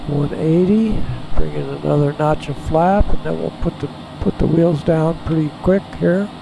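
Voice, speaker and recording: A man flying a small jet who talks through each step in a relaxed, halting way, heard over a pilot headset in the cockpit. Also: fairly high pitch, creaky. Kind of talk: casual narration while flying. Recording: steady cockpit and engine noise.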